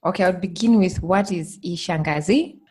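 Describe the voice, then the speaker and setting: A woman's voice: fairly low pitch, moderate pace, mellow, breathy edge. A woman, a guest explaining her work carefully with frequent fillers. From Tanzania. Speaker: guest, startup team member. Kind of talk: interview answers.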